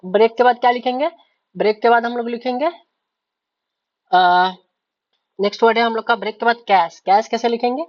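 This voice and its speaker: A woman's voice: a little high, a little fast, long pauses. A woman teaching shorthand in mixed with spoken. She goes word by word, spells out letters and keeps checking that the class is following. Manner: repeats words, spells letters out, keeps asking "ठीक है?". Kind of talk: step-by-step lesson, writing on a board. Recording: slightly dull, lo-fi sound.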